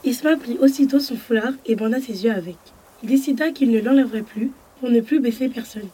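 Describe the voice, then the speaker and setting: A woman narrating a children's story in a calm, even tone. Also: fairly high pitch, a little fast, husky.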